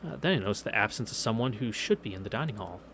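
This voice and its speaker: This visual novel let's player has a lowish, fairly bright voice with lively intonation and races through the text. Over video game music and slight background noise, he keeps it laid-back with wry asides, reactions, and anecdotes.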